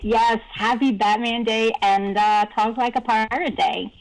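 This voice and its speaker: A woman's voice: a little high, steady tone, a little slow, a little hiss or hum, low-quality recording. A woman co-hosting a casual podcast chat, upbeat and chatty, reading out viewer comments. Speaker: podcast co-host.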